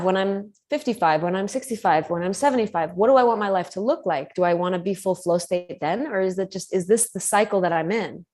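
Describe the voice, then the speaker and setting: On a live video call, a woman with a medium-pitched, darkish voice thinks aloud earnestly about commitment as a coach. She restarts often and fills gaps with fillers, all picked up by a video call mic.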